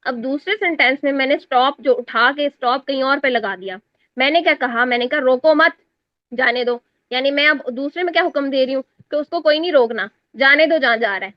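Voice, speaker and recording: High-voiced woman teaching. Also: no room sound. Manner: explains step by step, asks students to confirm. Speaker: Quran recitation teacher. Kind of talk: class lesson explaining exam answers. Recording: dry, dull lo-fi sound.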